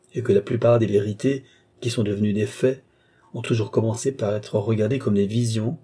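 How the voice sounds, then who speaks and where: Passionate male alchemist, hushed then declamatory, mellow and husky, voiced by the male reader. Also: fairly low pitch. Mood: awed. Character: man, fervent alchemist, awed and passionate.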